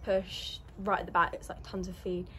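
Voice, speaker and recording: A young equestrian vlogger with a fairly low, sharp-toned voice and little pitch movement speaks at a moderate pace, with slight background noise. She rambles upbeat in a casual vlog, filming on a phone at arm's length at a stable yard, outside and in a horse lorry.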